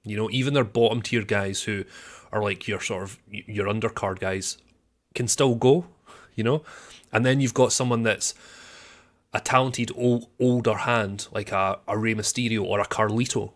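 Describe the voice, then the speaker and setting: A man's voice: on the low side, fairly even intonation, moderate pace. A man co-hosting a podcast, chatting casually in a rambling way, with many fillers and restarts. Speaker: podcast co-host.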